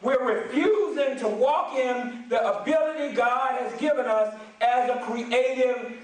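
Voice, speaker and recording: A male preacher delivers a booming motivational sermon in an extremely high, straining register. He hammers phrases by repeating them for listeners to echo. The sound is heavily reverberant and picked up at a distance. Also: measured pace. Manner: shouts emphatically, repeats phrases for the congregation to echo. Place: large echoing room with responding congregation. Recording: very echoey hall, distant mic.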